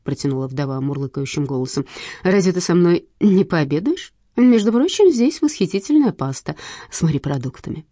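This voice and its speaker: Woman voicing a scheming widow, purring, sweetly mocking, warm lively tone, audiobook. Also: fairly low pitch, a little fast, no echo, studio quality. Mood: sweetly menacing.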